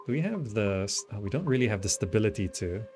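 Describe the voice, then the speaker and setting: Fairly low in pitch and darkish in tone, this gaming video host speaks quickly in a sing-song way. He muses to himself during casual gameplay commentary, often trailing off. Background game music accompanies him.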